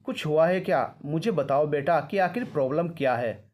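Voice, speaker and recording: A man voicing a worried, soft-hearted middle-aged mother who pleads and apologizes for her daughter. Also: on the high side, moderate pace, natural voice.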